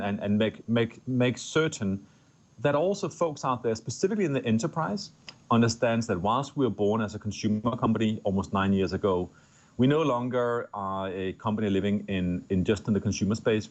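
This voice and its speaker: Dull audio captures this guest's lowish, slightly mellow voice. He's a middle-aged tech company executive from Denmark with a Danish accent, answering the interview earnestly while frequently restarting phrases and repeating words.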